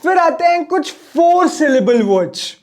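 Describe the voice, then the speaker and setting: A man with a high voice teaches an online exam-prep lesson at an unhurried pace. He speaks in a friendly way, calling his viewers brothers and friends. He stretches out example words syllable by syllable. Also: very animated. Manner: drawls example words slowly to show syllables.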